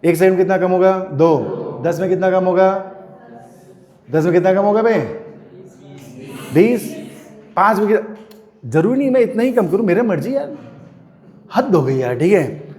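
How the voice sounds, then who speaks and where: A man's voice: high voice, expressive, moderate pace, long pauses, darkish tone, big-room sound. A male physics teacher giving a classroom lecture, firing questions at students and teasing them playfully. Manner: calls out questions and makes the class answer in chorus. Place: classroom at a coaching institute.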